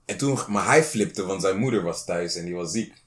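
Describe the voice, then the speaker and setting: Low-voiced laid-back man, street slang. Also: expressive, normal speed. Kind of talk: casual chat, storytelling.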